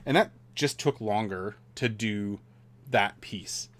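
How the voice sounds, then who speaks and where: A man casually chatting on a live stream while building a model kit, rambling and relaxed with many fillers and restarts. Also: lowish voice, slow pace.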